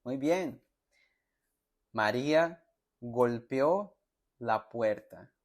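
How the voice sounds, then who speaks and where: A man teaching a pronunciation lesson, slowly sounding out example words and syllables for learners to repeat, with friendly check-in questions. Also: medium pitch, animated. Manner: slow, deliberate, sounds out words and syllables for repetition; friendly, addresses students directly with check-in questions. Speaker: Spanish teacher.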